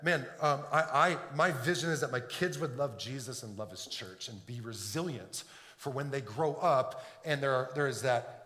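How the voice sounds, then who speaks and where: A middle-aged Detroit pastor preaches a sermon in a church sanctuary, his medium-pitched voice pushed and bright. He speaks earnestly, often repeating words as he builds a point, and the hall echoes with long reverb.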